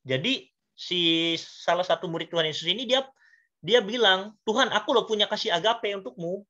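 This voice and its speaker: A man preaching a youth sermon, telling the story with lively acted-out dialogue and questions to the audience. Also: high voice, moderate pace. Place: church. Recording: dull lo-fi sound.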